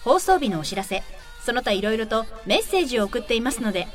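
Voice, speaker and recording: A woman's voice: on the high side, very animated, fast, soft background music. A woman co-hosting a podcast, reading scripted show announcements in polite, formal phrasing. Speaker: podcast co-host.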